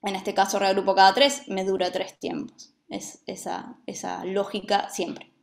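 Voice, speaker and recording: A woman's voice: mid-range voice, little pitch movement, unhurried, gravelly. A woman teaching a music lesson, who explains patiently and often checks that her students follow.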